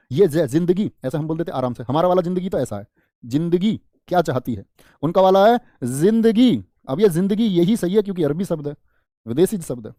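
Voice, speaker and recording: A man's voice: a little high, mellow, no echo, studio quality. A man teaching spelling in a live online class, talking in a colloquial, playful way and calling the students "bhaiya" and "mera lal".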